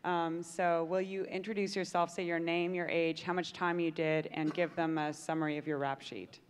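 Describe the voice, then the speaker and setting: A woman's voice: on the low side, level tone, normal speed, clean tone, long reverb tail. A woman moderating an on-stage panel conversation, upbeat and chatty as she prompts her guests with questions. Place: conference stage.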